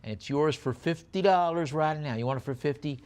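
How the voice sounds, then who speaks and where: A man's voice sits on the high side and sounds a little mellow as he works a live auction. He alternates between fast, repetitive bid chanting and calm descriptions of the lots.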